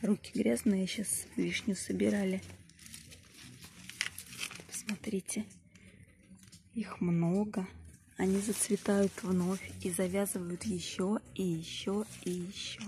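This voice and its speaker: Unhurried woman narrating a noisy garden video. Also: medium pitch, steady tone, mellow. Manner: halting short phrases, pointing things out. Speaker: home gardener showing plants. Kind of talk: casual garden vlog narration. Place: outdoor garden beside a wall. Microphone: handheld phone or camera close to plants. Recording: clear handling rustle and outdoor background noise.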